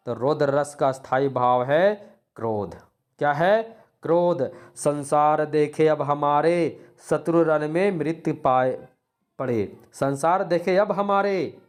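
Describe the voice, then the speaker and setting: A man teaching grammar online, asking rhetorical questions and answering them himself, with lively recitation. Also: medium pitch. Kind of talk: classroom lecture.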